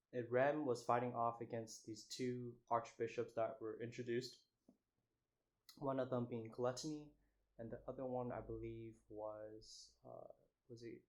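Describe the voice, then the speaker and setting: A young man talking casually as a food vlogger, in a halting way, often breaking off and restarting his phrases. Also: medium pitch, darkish tone, low-quality recording. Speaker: mukbang vlogger. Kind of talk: casual chat to camera.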